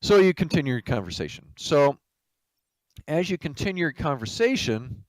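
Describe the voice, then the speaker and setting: A man's voice: a little high, sing-song, normal speed, no room sound, poor audio. Blunt, casual male lecturer. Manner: casual, blunt, salty, lots of "you know". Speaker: game studio executive teaching project management. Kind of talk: informal lecture with storytelling.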